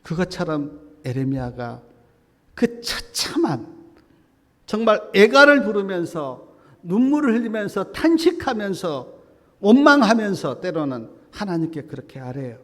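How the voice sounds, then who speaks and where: A man, a pastor, preaching a sermon that swings between hushed speech and loud, fervent passages. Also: high voice, sing-song, unhurried. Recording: long reverb of a church hall.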